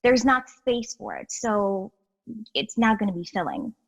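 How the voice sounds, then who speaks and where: On poor audio, a Guyanese woman speaks in a mid-range voice that runs a little slow and carries vocal fry. She's a healer and educator chatting earnestly as an interview guest, full of restarts, asides and frequent "you know"s, in an animated, casual manner.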